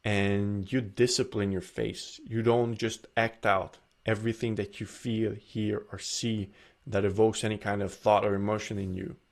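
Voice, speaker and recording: A man's voice: lowish voice, level tone, normal speed. Earnest man giving a self-help talk. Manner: earnest, repeats and restarts phrases. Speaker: presenter.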